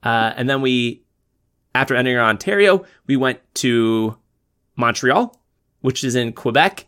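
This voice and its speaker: A man's voice: mid-range voice, expressive, fairly bright tone, clear, resonant tone. Rambling man co-hosting. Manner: rambling, halting with fillers and restarts. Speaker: podcast co-host. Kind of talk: casual chat.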